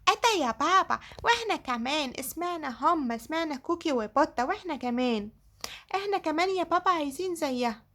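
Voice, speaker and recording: A small cartoon child with an Egyptian accent begs and frets, calling for daddy again and again in a squeaky, very high voice. The whining never lets up. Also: female voice, expressive, quick pace, a bit bright. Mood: pleading. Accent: Egyptian Arabic. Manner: whiny pleading, keeps repeating "daddy". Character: small pleading child asking daddy for toys.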